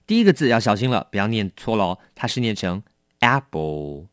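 A man teaching English vocabulary in a lively, coaxing way, asking his learners questions. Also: on the low side, brisk, no room sound, studio quality. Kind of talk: bilingual vocabulary lesson.

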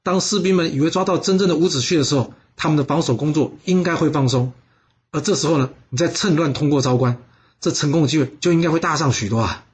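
A man's voice: fairly high pitch, fast talker, natural voice. A man voicing a kindly older male doctor who explains and reassures patiently. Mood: reassuring.

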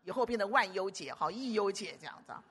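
A woman preacher delivering a sermon, emphatic and animated, often stumbling and repeating words. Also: medium pitch, fast talker, husky.

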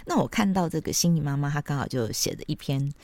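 A woman hosting a parenting podcast, chatty and sprinkled with soft laughs. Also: low-pitched, expressive, quick pace, no room sound. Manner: chatty, with frequent soft laughs and tag particles. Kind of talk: casual podcast monologue.

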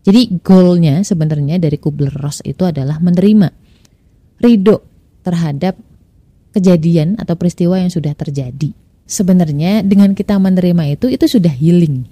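A woman's voice: lowish voice, mellow, no echo. A woman hosting a casual religious self-help talk, chatty and acting out quoted inner voices. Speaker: podcast host.

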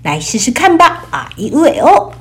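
Woman teacher, high bouncy voice, slow and sing-songy for little kids. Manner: lively, sing-song storytelling for kids. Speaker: language teacher and co-host. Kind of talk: playful children's lesson.

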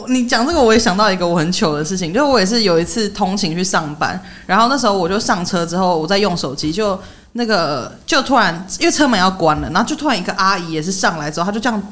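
A young woman with a Taiwanese Mandarin accent, co-hosting a casual podcast and cracking quick quips. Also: mid-range voice, lively intonation, a bit bright. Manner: quick quips, laughs while telling stories. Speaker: podcast co-host. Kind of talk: casual chat.

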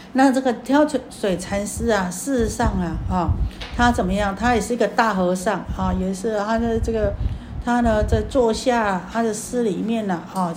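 A woman's voice: medium pitch, darkish tone, slight background noise. Woman dharma teacher, particle-heavy speech. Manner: drawn-out particles, addresses audience. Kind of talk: dharma talk with storytelling.

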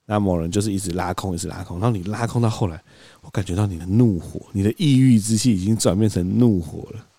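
Quick guy co-hosting, lowish voice, dry close mic, acts out the quotes as he goes. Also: husky, dry recording. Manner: animated storyteller, acts out quoted lines, laughs often. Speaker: podcast co-host. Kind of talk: casual storytelling chat.

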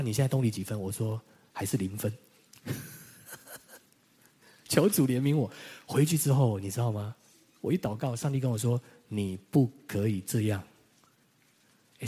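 A man pastor delivering a sermon, telling personal stories, moving between loud emphasis and quiet, reflective passages. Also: mid-range voice, slightly rough.

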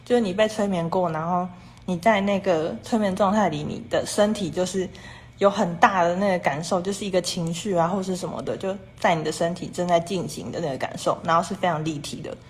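Woman, livestream host, casual chat, rambling and repetitive, a little low-pitched. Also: fairly quick, a little mellow, a little hiss or hum. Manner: rambling and repetitive, strings clauses with "and then"; chats with viewers reading their comments.

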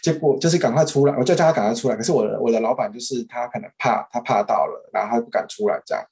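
A man's voice: medium pitch, animated, very fast, gravelly, a little mellow. A young man with a Taiwanese Mandarin accent, a podcast guest telling a story casually, rambling with many restarts. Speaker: podcast guest, former French interpreter.

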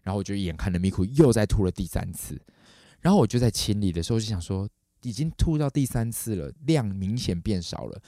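Fast-talking man, storytelling. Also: dry recording, studio quality. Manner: animated, acts out quoted voices with big pitch jumps. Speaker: podcast host. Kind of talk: casual storytelling.

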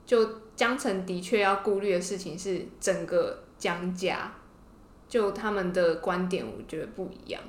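Her voice sits lowish, animated but unhurried, as this Taiwanese-Mandarin-accented podcast host walks listeners through a story in a relaxed way. The podcast room sounds spacious and echoey.

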